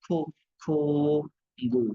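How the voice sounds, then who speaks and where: Man drilling syllables slowly, lo-fi sound. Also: mellow. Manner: slow syllable-by-syllable drilling, repetitive. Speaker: Quran reading teacher. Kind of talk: online class lesson. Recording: dull lo-fi sound.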